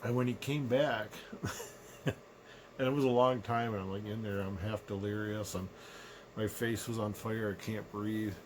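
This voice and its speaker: A middle-aged man talking casually to camera in a low, unhurried, subdued voice, sick with a sore throat. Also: steady tone, background noise. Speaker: vlogger. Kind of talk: casual personal rant to camera. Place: small living room indoors.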